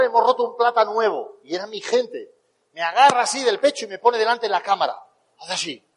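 High-voiced man telling stories. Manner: animated storyteller, acts out quotes. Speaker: motivational speaker. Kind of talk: storytelling talk to an audience. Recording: long hall reverb.

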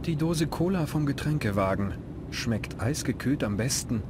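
Dry, self-mocking adventurer hero, played by a man, cabin rumble behind. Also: expressive, normal speed, lightly acted. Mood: wry. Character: wry young male adventurer. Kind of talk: fan-dubbed adventure game dialogue.

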